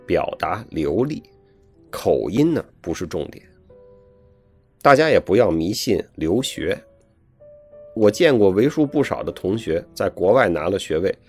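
A man giving friendly, folksy advice to young learners in a chatty, scripted talk. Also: deep voice. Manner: chatty, folksy, adds friendly tag questions. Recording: soft piano music behind the voice.

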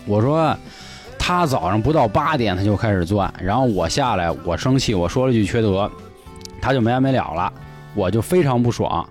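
A man tells a long story on a casual podcast. His pitch swings up and down a lot, and he acts out each exchange. Faint music plays under him. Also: moderate pace. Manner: animated, acts out quoted dialogue, laughs often. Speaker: podcast host.

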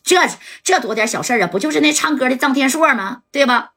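A woman voicing a gruff gangster underling, who is eager to please and agrees fast. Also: high voice, lively intonation, fairly bright tone, heavily acted.

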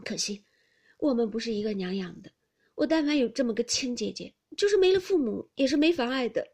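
A woman's voice: on the high side, expressive, darkish tone. A woman voicing an outspoken, blunt teenage noble girl who teases and scolds. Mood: wistful. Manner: blunt, quick-tongued, scolding.

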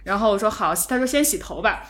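A woman's voice: mid-range voice, expressive, fast, fairly bright tone. A woman co-hosting a casual podcast, telling a funny anecdote with laughter. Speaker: podcast co-host. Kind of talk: casual chat, storytelling.

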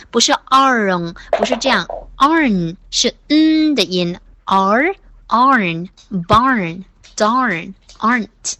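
A woman teaching English pronunciation in an online class, patient, saying words slowly and praising her students. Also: a little high, fairly bright tone, a little hiss or hum.

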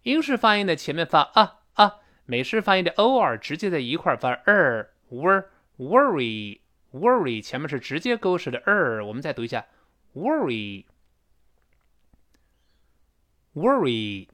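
A man teaching English pronunciation in a recorded lesson, explaining and modeling phrases slowly and repeatedly. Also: a little high. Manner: explains in a lively, rising-and-falling teacherly voice.

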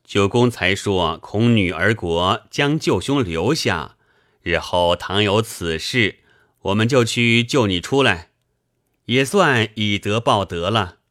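A man's voice: on the low side, animated, slow pace, a bit bright, no echo, studio quality. A man voicing a polite, earnest scholar who asks questions courteously. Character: earnest young male scholar, polite and curious.

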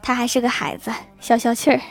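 Young woman reading out jokes, a bit high-pitched, playful and self-mocking, soft music under it. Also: flat delivery, fast, vocal fry. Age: young adult. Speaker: comedy storyteller. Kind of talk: scripted joke narration. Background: faint background music.

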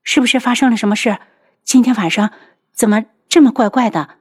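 A woman voicing a quick-tempered young pregnant princess who speaks high and urgently. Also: expressive, a little mellow. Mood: alarmed.

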